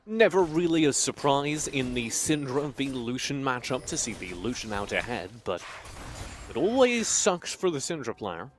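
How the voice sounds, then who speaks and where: A man calling a high school esports match play-by-play, with dry, self-deprecating humor. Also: sing-song, normal speed, a little hiss or hum. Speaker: esports caster. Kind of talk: play-by-play commentary.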